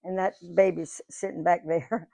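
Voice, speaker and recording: Her voice is on the low side, steady, creaky and mellow, at normal speed on a dry recording. She's a woman in her nineties from Georgia, USA, a guest speaker at a museum event room telling a live audience folksy stories of her life and acting out people's dialogue.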